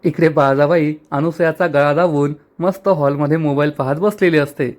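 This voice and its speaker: Brief: man retelling a TV episode, lively and chatty, addressing listeners directly. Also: a little high, moderate pace. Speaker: episode recap narrator. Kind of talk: storytelling recap of a TV serial.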